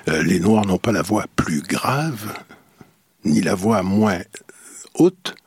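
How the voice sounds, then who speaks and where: A man guesting in a casual interview, telling stories with lively energy. He often stalls on repeated words before going on. His voice is slightly husky and the sound is dry. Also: fairly low pitch, takes it slowly, no echo. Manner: hesitant, many repeated starts, animated storytelling. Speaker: guest, dubbing actor.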